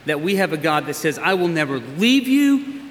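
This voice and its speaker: A man preaching a sermon as a pastor, earnest and emphatic, with slow pauses for weight. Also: a little high, sing-song. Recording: long hall reverb, faint hiss.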